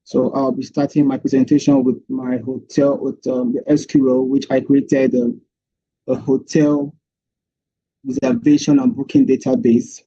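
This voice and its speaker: A man presenting his capstone project over an online meeting, heard through screen-recorded call audio, walking through his slides with frequent hesitant pauses. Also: medium pitch, muffled recording, slight background noise. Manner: steady walkthrough with frequent hesitant "um"s. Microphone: computer or headset mic on a video call.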